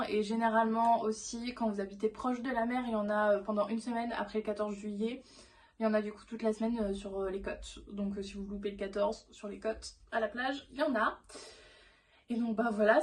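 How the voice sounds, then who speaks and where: A young woman with a medium-pitched, somewhat dark voice chats casually in a vlog. She rambles with enthusiasm, full of fillers and false starts.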